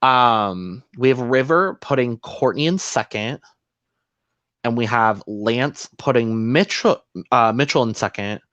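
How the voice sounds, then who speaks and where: A man's voice: medium pitch, animated, measured pace, a bit bright, no room sound, muffled recording. A man co-hosting a casual podcast, recapping a show and slipping into playful voices for quotes. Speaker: podcast co-host.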